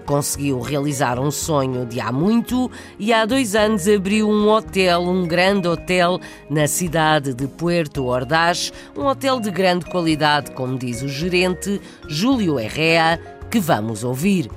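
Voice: mid-range voice, lively intonation, measured pace, soft background music. A news presenter reading a scripted introduction in a formal manner.

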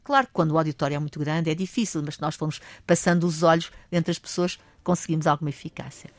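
A woman's voice: low-pitched, fast talker, no echo. An older woman professor with a European Portuguese accent, explaining and telling anecdotes hesitantly. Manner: hesitant, animated storyteller. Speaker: language professor, guest. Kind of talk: radio conversation.

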